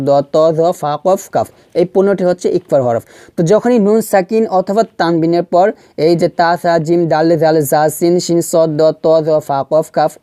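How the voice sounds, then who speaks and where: A man teaching Quran reading step by step. He repeats syllables slowly to show how they are pronounced, and he asks questions and answers them himself. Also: on the high side, warm tone, no room sound, clean studio sound. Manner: patient, repeats sounds and syllables slowly to demonstrate pronunciation. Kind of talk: step-by-step recitation lesson.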